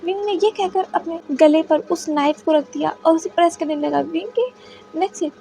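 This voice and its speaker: A woman's voice: very high-pitched, normal speed, gravelly, mellow, faint music behind, poor audio. A woman narrating a fan fiction story in a dramatic retelling. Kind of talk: fanfiction narration.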